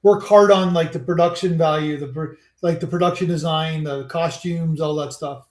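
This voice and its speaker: A man's voice: on the high side, steady tone, normal speed, reverberant. A man hosting a podcast interview, asking rambling questions while searching for his words. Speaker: podcast host. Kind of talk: casual interview.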